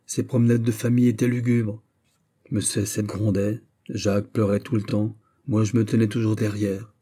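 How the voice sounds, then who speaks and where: A male narrator reads a classic novel aloud in audiobook style. His voice is deep in color, very dark and mellow, with a husky grain. He reads expressively and raises his voice on exclamations. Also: level tone, normal speed.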